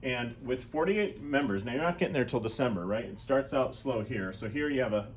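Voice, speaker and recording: A man in his thirties, a chiropractic business coach, gives a casual whiteboard business lesson, thinking aloud as he works through sums. His medium-pitched voice is animated and brisk. A lapel mic in a small room picks him up with slight background noise.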